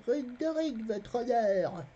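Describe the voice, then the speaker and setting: A reader voicing an earnest, quick-witted young farm boy in a high, eager voice, reading a fantasy novel aloud. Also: expressive, mellow, slight background noise. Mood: playing dumb. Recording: dull, lo-fi stream audio.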